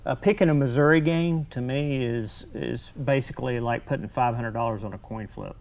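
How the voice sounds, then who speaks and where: A man's voice: medium pitch, normal speed, creaky, a little mellow. A man on a sports talk panel, emphatic and reluctant as he gives his picks.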